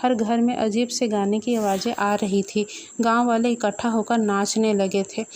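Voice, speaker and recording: A woman with a slightly high voice reads out a comic ghost story with lively, playful pacing. A faint hiss runs under her narration. The tone is that of a storyteller sharing a fan tale. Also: normal speed.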